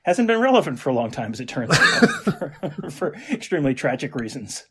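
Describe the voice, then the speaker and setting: A man's voice: on the high side, huge pitch swings, brisk, bright, forceful tone, slightly rough. A man co-hosting a casual sports podcast, laid-back and hesitant, often trailing off. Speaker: podcast co-host.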